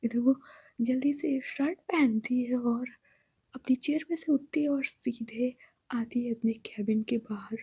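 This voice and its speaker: Woman storyteller, whispered role-play, high pitch with a warm mellow tone. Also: a little slow, husky, no room sound, clean studio sound. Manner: soft, steady whispered narration.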